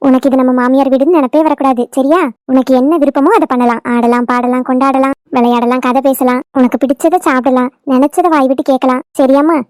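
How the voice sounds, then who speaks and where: A woman's voice: sits high, steady tone, fast, a little mellow, dry recording, studio quality, natural voice. A woman voicing a fussy, talkative middle-aged mother-in-law in a cartoon, with a coaxing, boastful manner. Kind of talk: cartoon voice acting.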